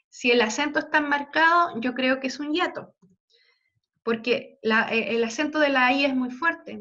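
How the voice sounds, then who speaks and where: A woman's voice: high-pitched, sharp tone, highs cut off. A woman giving an online literature class, patiently explaining and counting syllables aloud with frequent tag questions. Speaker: literature teacher.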